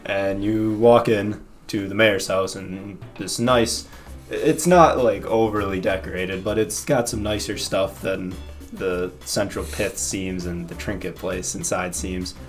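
Man, deep voice, game master, informal tabletop narration, halting, soft music behind. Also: steady tone.

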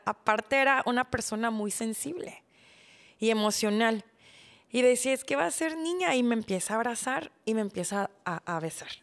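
A woman in her thirties tells her own story on a podcast. She acts out conversations with lively energy, then drops to a hushed, soft voice for the hard parts. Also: fairly high pitch, clean tone. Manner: animated, acts out dialogue, trails off softly when recalling illness. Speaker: podcast host. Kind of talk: personal storytelling.

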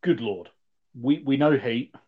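Slow-talking man, amazed and halting. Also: medium pitch, breathy edge, narrow, tinny audio. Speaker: podcast co-host. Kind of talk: casual film review chat.

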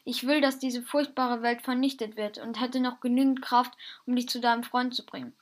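A woman voicing an exhausted but helpful lava dragon, speaking quickly and earnestly. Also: a little high, fairly even intonation, close to an everyday voice.

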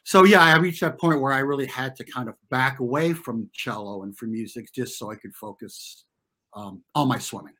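A middle-aged American man from the New York and New Jersey area, a former competitive swimmer, tells personal stories as an interview guest. His reflective, conversational delivery is informal and halting, often circling back to rephrase. His voice is mid-range with a sharp tone.

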